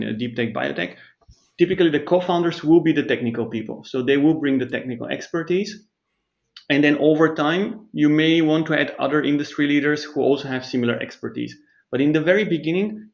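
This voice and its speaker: A man from Bulgaria, a startup CEO, answering interview questions in a measured, explanatory way, with restarts and thinking pauses. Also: on the high side, creaky, lo-fi sound.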